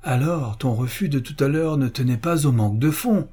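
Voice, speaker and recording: A man's voice: mid-range voice, normal speed, mellow, breathy edge, natural voice. A man voicing an indignant old father, proud and hurt, in a storybook reading, with bitter, reproachful speeches.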